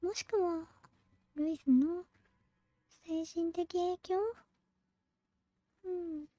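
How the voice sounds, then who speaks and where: Very high, mellow female game streamer. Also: little pitch movement, takes it slowly, no room sound. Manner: soft thinking aloud, short musing phrases. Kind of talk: casual, musing game commentary.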